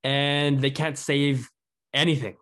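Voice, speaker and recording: A man's voice: medium pitch, flat delivery, slow, a bit bright. A man hosting a casual sports podcast, chatting loosely and rattling off stats. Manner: chatty, reads out stats and quotes. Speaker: podcast host.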